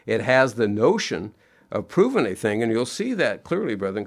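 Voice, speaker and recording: A middle-aged man with a mid-range voice preaches a sermon, nasal and sniffly from allergies. He is earnest, repeating his key words in plain, homespun phrasing.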